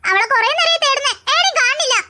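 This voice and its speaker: A voice actor playing a feisty young woman in a cartoon with a sharp, mock-annoyed tone. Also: very high-pitched, very fast, slight background noise, exaggerated voice. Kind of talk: cartoon voice acting.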